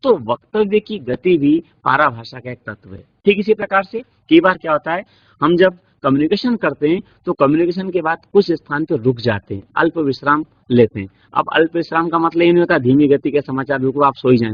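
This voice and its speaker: A man with an Indian accent giving a classroom lecture, explaining slowly with many examples and rhetorical questions. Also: on the high side, husky. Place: classroom studio. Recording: dull lo-fi recording.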